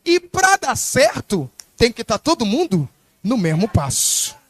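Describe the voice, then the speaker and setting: A man's voice: very high voice, wildly swooping pitch, measured pace, fairly bright tone, no echo. A male pastor preaching a sermon with emphatic repetition and dramatic storytelling.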